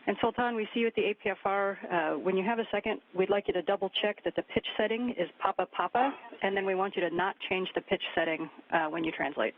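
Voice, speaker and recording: A man's voice: sits high, fast talker, hardly any pauses. A man at mission control giving clipped, procedural instructions over a crackly radio link like a spaceship communicator. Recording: tinny radio line with faint hiss.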